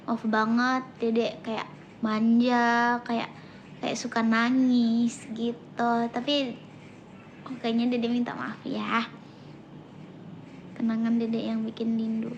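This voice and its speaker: A high-pitched young woman talking casually to her viewers, soft and a bit tearful in tone. She sometimes drops to a near whisper. A faint hiss of background noise sits under the voice. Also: monotone, slow pace, pauses often, muffled recording. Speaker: vlogger. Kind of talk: casual chat reading viewer comments.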